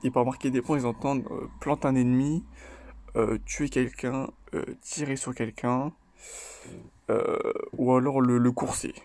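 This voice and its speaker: A man hosting his own video, talking through rap lyrics in a loose, chatty way, hesitating often and tagging his points with quick check-ins. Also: mid-range voice, steady tone, a little mellow. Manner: loose and chatty, tags lines with "ok?" and "voilà"; hesitant, with frequent fillers and restarts. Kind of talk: casual spoken commentary.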